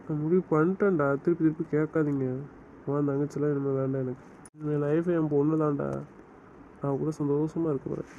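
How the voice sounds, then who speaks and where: Man with a dark, muffled voice. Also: a little high, fairly even intonation, brisk. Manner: bitter, stubborn, insists he is done with her. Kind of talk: amateur web drama acting. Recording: slightly muffled, faint background hiss.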